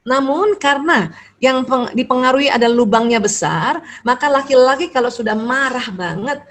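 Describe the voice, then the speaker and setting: A woman's voice: sits high, moderate pace, a bit bright. A middle-aged woman lecturer giving a religious talk on marriage and family, chatty, dotting her sentences with little tags and acting out short home dialogues. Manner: conversational, frequent "ya" tags, acts out little dialogues.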